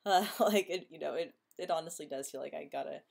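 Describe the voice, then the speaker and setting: A live-stream host reading comments aloud, she answers viewers casually, stuttering through frequent repetitions and blocks and laughing often. Her voice is low, gravelly and a little mellow, delivered at a quick pace.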